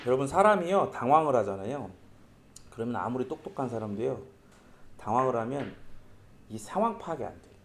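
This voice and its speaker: A man preaching a sermon as pastor, speaking lively and acting out quoted lines in voices. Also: mid-range voice, fairly quick, creaky, long pauses. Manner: lively, acts out quoted speech in character voices.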